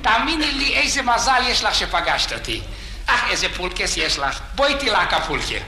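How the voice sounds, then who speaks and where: A comedian playing a boastful womanizer who brags on the phone and breaks into frantic shouting. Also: high-pitched, sing-song, echoey room, background noise, voice pushed down. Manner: rapid bragging chatter breaking into frantic shouts. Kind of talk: comic sketch.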